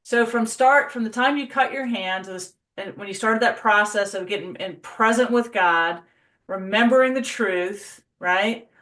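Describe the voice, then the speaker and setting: A woman's voice: mid-range voice, moderate pace, a bit bright. A woman hosting an interview, affirming and encouraging her guest as she asks questions. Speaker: host.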